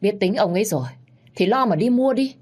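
A woman's voice: medium pitch, expressive, brisk, a little mellow, slightly rough, pitched above the performer's own voice. A woman voicing a sneering young sister who mocks and scolds her sibling. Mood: mocking. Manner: mocking, scolding.

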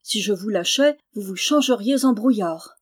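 A woman's voice: medium pitch, expressive, normal speed, breathy edge. A woman reading the part of a timid young peasant man, pleading and earnest but stubborn. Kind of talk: audiobook character voice.

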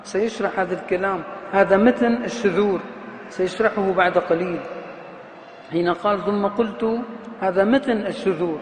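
A high-voiced man gives a grammar lecture and drawls his examples out, chanting them syllable by syllable. His voice rings with long reverb in a big hall, over a faint hum of ambience. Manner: repeats and chants example words slowly, stressing each syllable. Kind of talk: classical Arabic grammar lesson.

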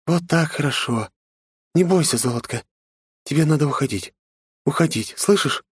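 A man reading an audiobook, voicing a protective woman who comforts and urges in a raised, hurried voice. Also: a little high, slightly rough, no echo, studio quality, pitched above the performer's own voice. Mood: urgent. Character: kind older woman, urgent and protective.

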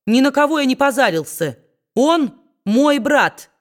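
A woman's voice: mid-range voice, expressive, moderate pace, close to an everyday voice. A woman reading a storybook and voicing a good-natured young man who protests frankly. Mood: indignant.

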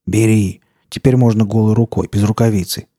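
A grim, gruff forest stalker, as a man reading the book voices him, snapping short orders. Low, gravelly and dark, recorded close and dry. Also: fairly even intonation, a little fast, no room sound, natural voice. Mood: gruff, stern. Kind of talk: audiobook character voice.

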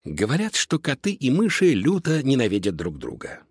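Lively man reading a children's storybook. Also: mid-range voice, moderate pace, breathy edge, no echo, studio quality. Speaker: audiobook narrator. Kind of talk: storybook narration.

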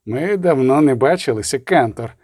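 A man's voice: mid-range voice, animated, moderate pace, a little mellow, no echo, clean studio sound, lightly acted. A man voicing a sinister cold assassin. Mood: menacing. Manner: menacing, sardonic.

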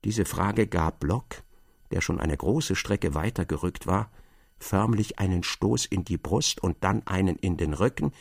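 A man narrating a literary novel in a measured, expressive storytelling manner. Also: low voice, gravelly, slightly rough, no room sound, clean studio sound.

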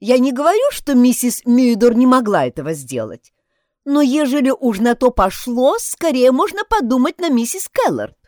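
A woman's voice: high-pitched, big pitch swings, moderate pace, darkish tone, no echo, clean studio sound, voice pushed up. A woman voicing a critical, sceptical housemaid in an audiobook. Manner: critical, reasoning.

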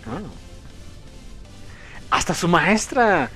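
Lively man, animated podcast host. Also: sits high, soft background music. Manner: animated, acts out characters' lines in quick voices. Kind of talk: casual comic review chat.

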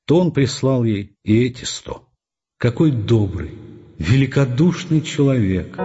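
A man narrating a literary audiobook in an expressive, measured way. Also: medium pitch, husky, lo-fi sound.

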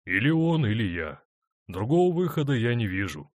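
A man's voice: medium pitch, big pitch swings, moderate pace, dry recording, clean studio sound, natural voice. A man voicing a hurt middle-aged husband who speaks in a bitter, wry, controlled way.

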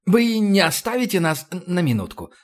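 A man voicing a short, fat, jolly male company manager who talks loudly and effusively in an audiobook. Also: sits high, big pitch swings, normal speed, voice pushed up. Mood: jovial. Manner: loud, laughing, effusive.

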